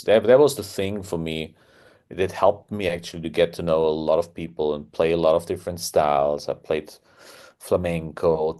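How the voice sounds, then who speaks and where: Deep and warm, the voice of this Austrian guitarist comes through as he recounts his story in a relaxed interview. He speaks hesitantly, with lots of restarts and phrasing that shows he's not a native speaker.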